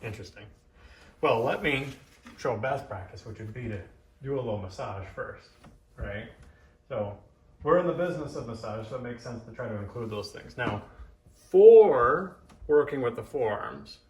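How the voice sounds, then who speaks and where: A man teaches in a casual, practical way, thinking aloud and giving short, simple cues. His voice sits at a middle pitch. It is picked up at some distance in an echoey room. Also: expressive, moderate pace, a little mellow, slight background noise. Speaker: massage therapist and instructor. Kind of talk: casual hands-on demonstration, instructing.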